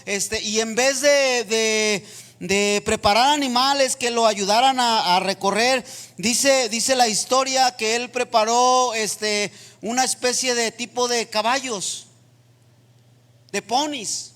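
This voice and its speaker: High-voiced impassioned male preacher. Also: steady tone, slow. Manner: impassioned preaching that rises to near-shouting. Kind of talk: sermon. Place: church. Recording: long reverb of a church hall.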